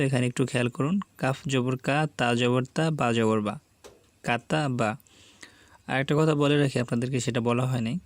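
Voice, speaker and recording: Patient man drilling syllables, dry close sound. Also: mid-range voice. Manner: patient, repeats each syllable for learners to echo. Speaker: Quran reading teacher. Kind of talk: slow spelling drill lesson.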